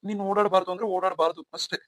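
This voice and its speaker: A woman's voice: on the low side, fairly even intonation, racing, dry recording, lightly acted. A woman voicing a protective young husband. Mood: angry. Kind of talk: melodramatic audio story acting.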